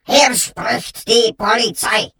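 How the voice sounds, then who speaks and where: A man voicing a bossy parrot who booms police-style warnings through a megaphone in a children's audio story. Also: animated, slow, pushed and bright, recorded from a distance, full character voice. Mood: commanding. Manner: booming police-style announcement.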